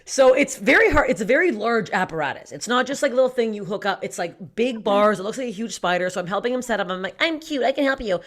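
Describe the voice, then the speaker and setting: A woman's voice: mid-range voice, expressive, quick pace, few pauses. A young woman comic from Canada working an online stand-up set. She is brash and self-mocking, swears freely, and often laughs through her own punchlines. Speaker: stand-up comedian. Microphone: streamed stand-up.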